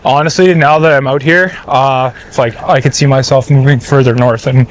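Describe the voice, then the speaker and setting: A man's voice: medium pitch, normal speed, slight background noise, poor audio. A man, a guest telling stories in easy conversation while walking outdoors. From Toronto, Canada. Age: 30s. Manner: easygoing, relaxed, with frequent "uh" and "like". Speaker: podcast guest. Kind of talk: casual conversational storytelling. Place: outdoors on a country road.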